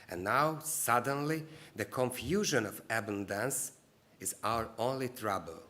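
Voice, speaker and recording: A man's voice: mid-range voice, bright, forceful tone. A man with a Hungarian accent giving a formal opening speech at a literary congress. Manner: reads a prepared speech steadily, with a few restarts. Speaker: speaker from a cultural agency.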